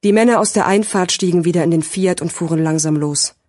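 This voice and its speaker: A woman narrating a crime audiobook in a steady, measured way. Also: on the low side, no room sound, studio quality.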